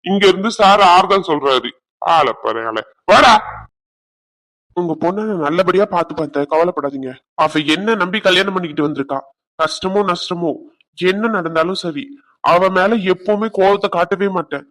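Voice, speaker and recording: A man's voice: sits high, moderate pace, fairly bright tone. A man voicing bickering young men in a cartoon, one of them a drunk friend, another a groom.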